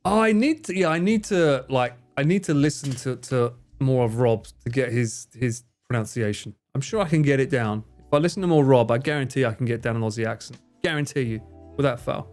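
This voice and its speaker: Streaming live, this streamer and cameraman jokes theatrically with viewers, chatting casually and swearing freely. His medium-pitched voice is fairly quick and a little mellow, with faint music behind.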